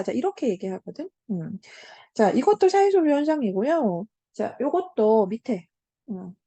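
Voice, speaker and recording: A woman teaching grammar in an online lecture to high school students, often asking "right?" and filling pauses with "so" and "um". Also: warm tone, no room sound. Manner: fills pauses with "자" and "음", asks the class check questions.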